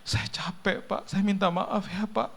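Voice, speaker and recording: A man's voice: sits high, fairly even intonation, unhurried, gravelly, a bit bright, breathy edge, voice pushed up, full character voice. A man voicing a worn-out young male courier who pleads and apologizes through tears. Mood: tearful pleading. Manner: pleading, sobbing, apologizing over and over.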